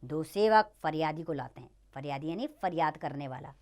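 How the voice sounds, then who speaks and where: A woman teacher reading a play aloud for children, pausing to explain words. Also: low-pitched, expressive, a little mellow. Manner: clear, explanatory.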